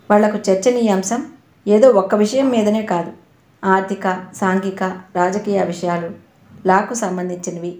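Brief: female audiobook narrator, expressive storytelling, mellow tone, echoey room. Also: mid-range voice, vocal fry. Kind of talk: scripted narration of a novel. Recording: roomy echo.

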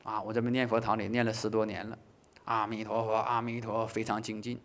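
A man teaching a Buddhist class in a lively way, acting out short dialogues, chuckling, and slowing down on key phrases. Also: on the low side. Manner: slows down to stress key phrases. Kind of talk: dharma lecture.

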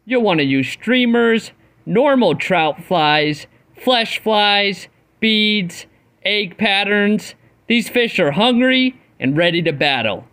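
A man's voice: high voice, lively intonation, slow pace, pushed and bright, clean tone. A man reading an upbeat voice-over that recommends places and tackle to viewers. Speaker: fishing vlogger. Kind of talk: scripted voice-over narration.

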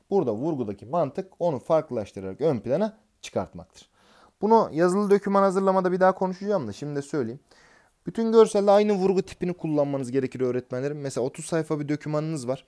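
A man's voice: fairly high pitch, mellow. A man teaching an exam prep lesson, explaining concepts step by step and answering his own questions as he goes.

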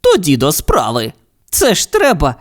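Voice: mid-range voice, huge pitch swings, measured pace. A greedy, boastful tomcat played by a storyteller, blustering and bossy with a raised voice that swings wildly up and down. He sounds like a cartoon cat from an audio fairy tale, always ready to grab the treasure. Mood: scheming. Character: greedy, hot-tempered tomcat, loud and boastful. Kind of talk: storybook character voice.

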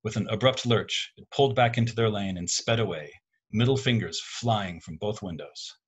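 A man reading his own prize-winning literary short story aloud in a measured, steady way. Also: fairly low pitch, slightly rough.

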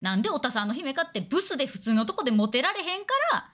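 A woman's voice: sits high, sing-song, fairly bright tone. A young woman with a Kansai accent, chatting bluntly and crudely on a casual stream. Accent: Kansai Japanese. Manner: blunt, crude, fast banter with acted-out quotes.

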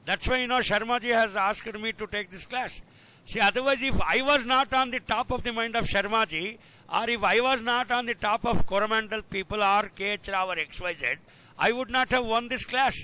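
High-pitched, fast Indian male lecturer. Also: pushed and bright, rough recording. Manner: questioning, prodding the audience, repeating key phrases. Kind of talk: informal online lecture mixing English and Hindi. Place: indoors, on a video call. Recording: rumbly background noise on online call.

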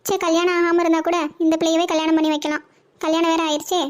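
A woman's voice: very high voice, flat delivery, fast talker. A woman voicing a fond, chatty elderly mother who dotes on young women and mutters to herself. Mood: wistful. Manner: doting, sighing, talks to herself. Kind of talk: cartoon voice acting.

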